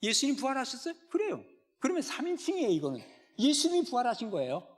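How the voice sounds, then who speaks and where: Animated high-voiced male pastor preaching. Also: fast talker. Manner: animated, keeps quizzing the congregation. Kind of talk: sermon. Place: church sanctuary.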